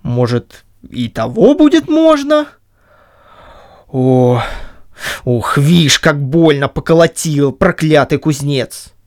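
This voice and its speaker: A woman's voice: deep voice, very animated, slow, long pauses, darkish tone, exaggerated voice. A woman voicing a stubborn, grumbling older Cossack man in an audiobook reading, with a whiny, indignant manner. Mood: scheming. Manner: whiny, indignant, muttering to himself. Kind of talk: audiobook reading of a classic story.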